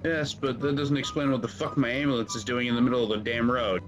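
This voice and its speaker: A man's voice: medium pitch, steady tone, fast, over music. A man in a game roleplay, arguing irritably and swearing. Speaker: roleplay player as paramedic. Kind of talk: casual game roleplay chat.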